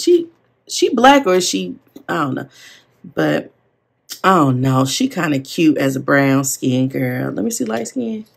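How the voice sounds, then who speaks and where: A low-voiced woman with a gravelly fry, talking unhurriedly as she decorates a planner at her desk. She gushes and gasps over every sticker, and she drifts into chatty asides. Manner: excitable, gasping and gushing over stickers. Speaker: planner vlogger. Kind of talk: casual plan-with-me chat. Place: seated at a desk at home.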